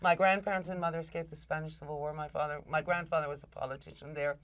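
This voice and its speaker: A woman's voice: deep voice, fairly even intonation, fast. A woman hosting a talk show, chatting frankly with salty asides. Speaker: host. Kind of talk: casual interview chat.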